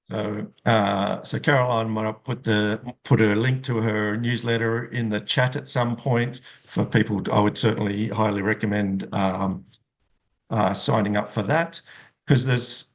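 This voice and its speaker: Low-voiced guy hosting a webinar on a call mic, lots of um and you know. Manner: rambling, full of "you know" and "um". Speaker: host. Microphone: video call mic.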